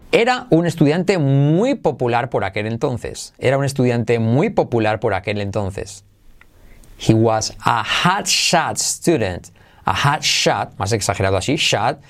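Energetic Spanish-accented male teacher, mid-pitched, online English lesson, drills phrases slowly. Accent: Spain Spanish.

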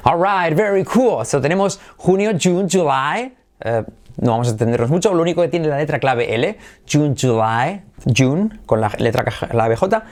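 A man from Spain with a Spanish accent, a native Spanish speaker teaching English pronunciation, drilling words aloud in a lively, playful way. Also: fairly high pitch, moderate pace. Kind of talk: bilingual pronunciation lesson.

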